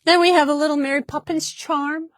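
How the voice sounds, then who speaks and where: A woman's voice: high-pitched, fairly even intonation, fairly quick, dry recording, studio quality. A woman hosting a casual product demonstration in a fabric shop, chatty and upbeat, often repeating herself.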